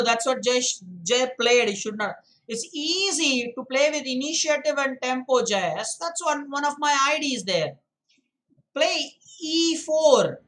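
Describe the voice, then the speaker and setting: A male chess coach with a very high, pushed, bright voice runs a live-stream lesson on a rough recording. He explains moves, corrects students by name, repeats points to drill them in, and reads chat messages aloud to answer them.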